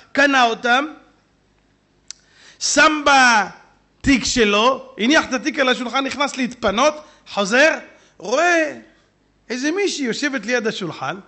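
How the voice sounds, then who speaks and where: High, lively-voiced rabbi giving a sermon. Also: male voice. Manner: animated, jumps into shouted asides and quick put-on voices; humorous, talks straight to the audience. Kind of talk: sermon with storytelling. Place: synagogue hall.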